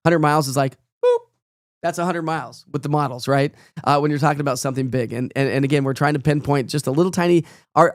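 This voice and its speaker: The speaker is a male meteorologist with a mid-range voice, recorded dry and at studio quality, who is losing his voice to a cold. His casual live weather forecast is chatty, folksy and rambling, padded with fillers.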